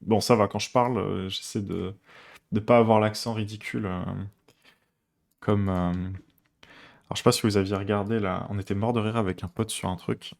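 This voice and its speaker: A man's voice: fairly low pitch, fairly even intonation, normal speed, vocal fry. A man, streaming a coding session and chatting casually, thinking aloud with many fillers and restarts. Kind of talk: casual live coding chat.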